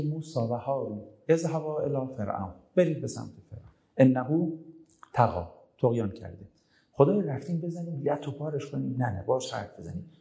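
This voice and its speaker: A man's voice: mid-range voice, warm tone. A middle-aged man lecturing students on making demands, emphatic and full of rhetorical questions. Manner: emphatic, rhetorical questions, acts out quoted voices. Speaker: university lecturer.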